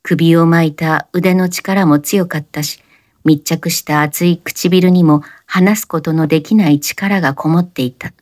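A woman narrating a literary story in a measured, composed, expressive audiobook reading. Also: low voice, no room sound, studio quality.

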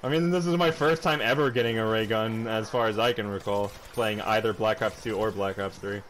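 A man hosting a casual gaming session with friends, excitable, ranting and yelping when things go wrong. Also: on the low side, brisk, slight background noise, low-quality recording. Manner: excitable, swears, yelps and rants. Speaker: gamer and channel host.

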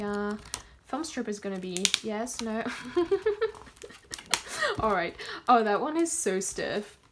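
A woman chatting casually as she unboxes photocards, gushing and excitable, gasping and counting down before each pull. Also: medium pitch, a little hiss or hum. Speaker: kpop collector vlogger.

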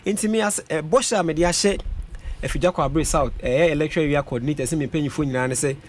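This young Ghanaian man talks fast in a fairly high voice. He's a parliamentary aspirant in a radio studio interview, mixing English into his Twi as he reels off vote figures at a studio microphone on a boom.

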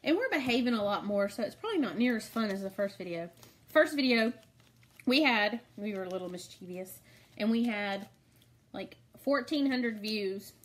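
A woman's voice: medium pitch, expressive, normal speed. A middle-aged woman hosting a casual snack-tasting video, chatting and laughing often. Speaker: vlog host.

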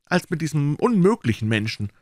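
A man's voice: on the high side, very animated, a little fast, darkish tone, no room sound, studio quality, pitched above the performer's own voice. A man voicing a fussy, scheming middle-aged mother in a read-aloud crime story, chattering and ingratiating.

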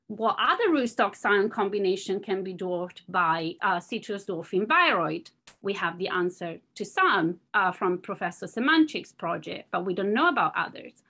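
Woman researcher, academic talk, measured delivery, mid-pitched voice. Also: animated, sharp tone, breathy edge. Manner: measured, explanatory, with fillers. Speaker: scientist presenting research. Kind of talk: academic presentation.

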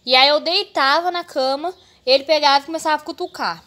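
A woman's voice: sits high, fairly quick, pushed and bright. A young Brazilian woman with a Brazilian Portuguese accent, vlogging casually at home and chatting to her viewers. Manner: chatty, addressing viewers as "gente". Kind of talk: casual vlog chat.

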